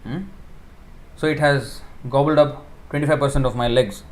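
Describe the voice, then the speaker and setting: Giving a scripture class as an informal sermon, a preacher speaks in a steady, mid-range voice. He explains through everyday examples, thinking out loud with filler pauses and self-corrections.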